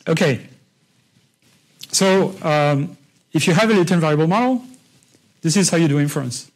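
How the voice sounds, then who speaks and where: Higher-pitched man giving a classroom lecture. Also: normal speed, low-quality recording. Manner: explains patiently and checks in with the class; conversational, with frequent restarts. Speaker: university lecturer.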